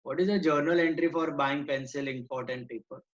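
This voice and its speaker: Slow-talking man teaching an accounts class. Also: fairly high pitch, dull audio. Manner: mixes Hindi and English, quizzes students. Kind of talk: online class lecture.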